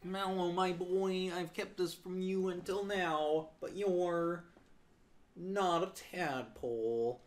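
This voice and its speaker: A woman voicing a patient old male frog sage from a video game, speaking as a wise mentor in measured, formal phrases. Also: on the low side, slight background noise. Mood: grave, kindly. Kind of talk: dramatised video game dialogue reading. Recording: music behind the voice. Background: plucked-string game music.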